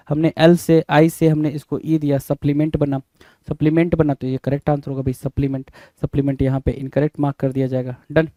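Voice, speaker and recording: A man's voice: a little high, warm tone, no room sound. A man teaching English spelling in Hindi, spelling words letter by letter and repeatedly asking the listener what the answer is. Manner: repeats questions to the listener, often adding "bhai".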